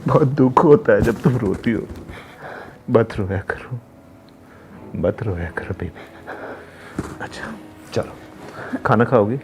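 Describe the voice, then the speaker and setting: An actor playing a man who holds his young wife captive, coaxing and softly menacing in a crime drama. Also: fairly low pitch, lively intonation, slow, long pauses, background noise. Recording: music playing under the voice.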